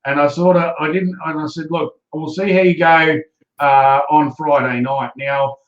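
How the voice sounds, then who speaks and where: A man's voice: on the high side, fairly even intonation, moderate pace. Australian male host, echoey muffled sound. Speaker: live-stream show host. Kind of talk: casual chat. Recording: roomy, slightly dull live-stream audio.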